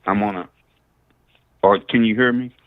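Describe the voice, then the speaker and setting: A bishop talks through a cell phone speakerphone, and his lowish voice comes across thin and tinny like a phone line. He speaks in a loose, rambling way and drifts into preacherly talk, quoting scripture as he goes. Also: steady tone, moderate pace. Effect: speakerphone on a cell phone call. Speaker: bishop calling in. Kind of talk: casual talk over the phone.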